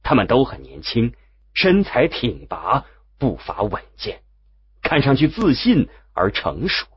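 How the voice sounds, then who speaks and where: Very husky, slow male audiobook narrator. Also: medium pitch, huge pitch swings, muffled recording. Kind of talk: scripted novel narration.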